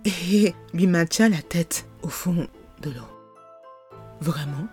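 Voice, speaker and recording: A podcast host in a casual commentary monologue. The voice sits mid-range, and the delivery is rhetorical and animated, often breaking into laughter. Soft music plays faintly in the background. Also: mid-range voice, takes it slowly.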